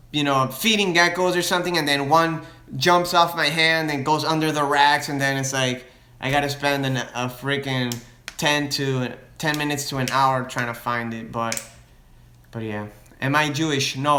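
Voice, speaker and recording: On a casual livestream, a Florida man with a fairly high, sharp-toned voice answers viewer questions about his reptile business. He rambles, restarts often, and switches between Spanish and English. The room sounds echoey.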